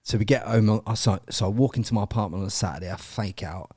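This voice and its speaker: A man's voice: fairly low pitch, quick pace, darkish tone, no room sound, studio quality. Laughing, sweary young man. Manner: swearing, laughing often, quoting himself. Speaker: podcast guest. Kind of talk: casual storytelling.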